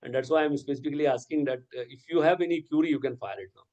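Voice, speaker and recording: A native Urdu speaker serving as a workshop resource person explains material to teachers over a video call at a very fast clip, often checking in with "okay" and "right?". His voice is a little high and darkish, and the highs are cut off.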